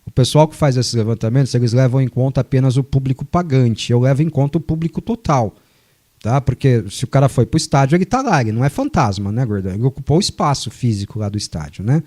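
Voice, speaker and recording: A man's voice: mid-range voice, fast talker, mellow. A man hosting a radio sports show, chatting casually, joking and reading listener messages. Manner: chatty, joking, long explanations. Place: radio studio.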